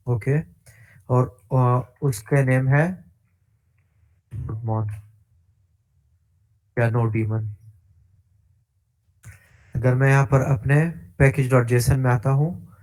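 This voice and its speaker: A male instructor walking through a coding tutorial step by step, pausing with frequent hesitations and mixing English tech terms into his speech. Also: medium pitch, a little mellow. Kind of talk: screen-share coding tutorial.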